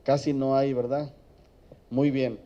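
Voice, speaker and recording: A man's voice: mid-range voice, little pitch movement, takes it slowly, dark tone. A man, a psychologist giving a prevention talk to students in a chatty storytelling way. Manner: conversational storytelling, checks in with "¿sí?". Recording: dull lo-fi recording.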